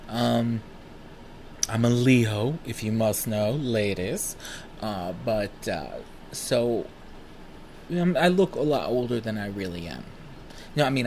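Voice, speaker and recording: A man in his thirties, smoking while he talks, telling rambling personal stories in a casual, animated way and swearing freely. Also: fairly low pitch, a little hiss or hum. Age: 30s. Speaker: vlogger.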